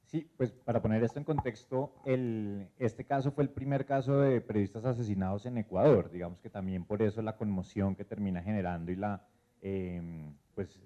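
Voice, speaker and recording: Male panelist, low mellow voice, halting delivery. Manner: measured, hesitant with many fillers. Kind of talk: panel discussion. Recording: dull lo-fi event recording.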